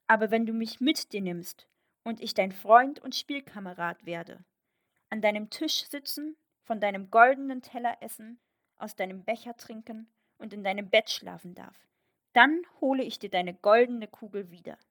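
A woman voicing an insistent, wheedling male frog in a fairy tale, reading at a slow pace with her voice lifted. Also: on the high side, close to an everyday voice. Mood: coaxing. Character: pleading pushy male frog by a well. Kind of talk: storybook reading.

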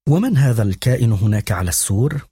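A man's voice: medium pitch, big pitch swings, fast, mellow, breathy edge, no room sound, clean studio sound, exaggerated voice. A man reading a trembling frightened boy. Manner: trembling questions.

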